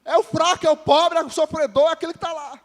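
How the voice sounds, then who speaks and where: High-voiced Brazilian pastor in a reverberant church. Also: male voice, fairly even intonation, quick pace. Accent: Brazilian Portuguese. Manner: conversational preaching with frequent calls to the congregation; jokes with named members of the congregation. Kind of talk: sermon. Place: church hall.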